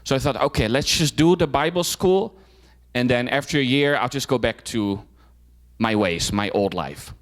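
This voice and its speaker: A young man from the Netherlands with a mid-range voice and moderate pace tells a club audience his personal story as a guest. The talk is relaxed and informal, often broken up by fillers and restarts.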